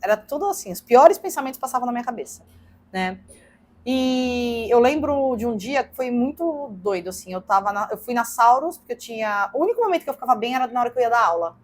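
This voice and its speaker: A Brazilian woman in her thirties speaks as a podcast guest, her voice sitting a little high. She tells a personal story candidly and with feeling, leaning on repeated words for emphasis. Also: expressive, quick pace. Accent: Brazilian Portuguese. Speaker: podcast guest, CrossFit gym co-owner and coach.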